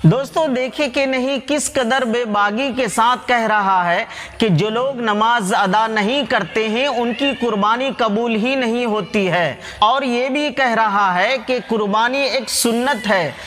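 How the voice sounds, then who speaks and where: A man's voice: very high-pitched, unhurried, a bit bright, long reverb tail. A man hosting a religious commentary channel, arguing a point with a string of rhetorical questions and speaking straight to his viewers as friends. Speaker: channel host.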